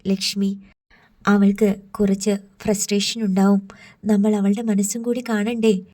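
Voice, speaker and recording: A woman voicing a gentle middle-aged father who speaks mildly and reasons with his wife. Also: medium pitch, little pitch movement, measured pace, close to an everyday voice. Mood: calm concern.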